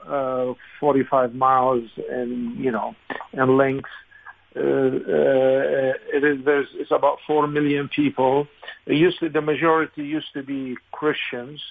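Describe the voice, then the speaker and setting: This is a Lebanese-accented congressional candidate in his sixties, recollecting things in a conversational interview. The line is narrow and phone-like, and his creaky, gravelly voice at middling pitch stops often while he hunts for what to say next.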